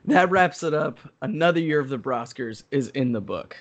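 A man's voice: mid-range voice, lively intonation, moderate pace. A man hosting a podcast as a mock awards emcee, presenting in a casual, joking way.

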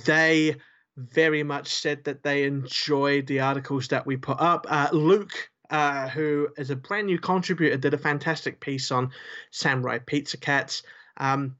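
A man's voice: a little high, steady tone, measured pace, a bit bright, dull audio. A man co-hosting a podcast in casual chat, rambling and joking with lots of fillers. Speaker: podcast co-host.

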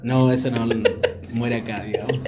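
Against a crowd in the background, a young podcast host from Argentina with a Córdoba accent chats casually, laughing while he teases his friend. His mid-range voice is flat and moderately paced.

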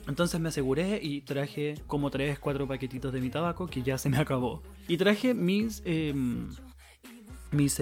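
Young chilean guy podcasting, rambly and slangy, bit high voice, soft music behind. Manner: chatty, rambling, heavy slang and swearing. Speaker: podcast host. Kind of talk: casual storytelling monologue.

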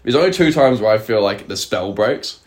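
Lively young man, animated podcast chatter. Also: fairly low pitch, moderate pace. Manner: animated, laughs often, jumps into playful voices. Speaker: podcast co-host. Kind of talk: casual chat.

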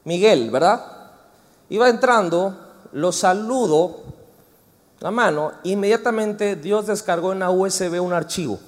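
A man's voice: high voice, measured pace. A man with a Mexican accent preaching a sermon, chatty and joking with the congregation. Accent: Mexican Spanish. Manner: animated, joking and chatty with the audience. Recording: reverberant hall.

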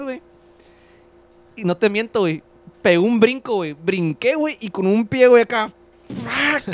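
Excitable young Mexican man, high voice. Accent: Mexican Spanish. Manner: excitable, slangy, full of exclamations. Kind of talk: casual storytelling chat.

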